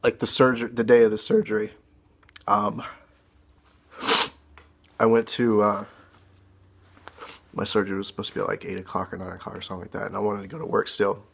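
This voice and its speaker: Young man, earnest testimony, low flat delivery, husky, phone-recorded. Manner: earnest, halting and emotional. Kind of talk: emotional personal testimony. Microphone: phone camera.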